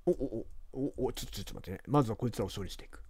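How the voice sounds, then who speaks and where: A man from Japan talking casually over a video game he plays, rambling and chatty in rough, informal speech. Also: on the low side, rapid-fire, darkish tone, dry recording. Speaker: game commentator. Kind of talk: casual let's-play commentary.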